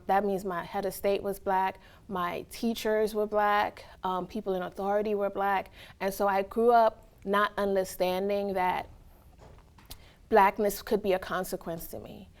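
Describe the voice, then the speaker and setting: A woman's voice: medium pitch, level tone, moderate pace. A woman from Trinidad and Tobago giving reflective, earnest answers in a casual interview, often checking in with "right?". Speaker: interviewee, college staff.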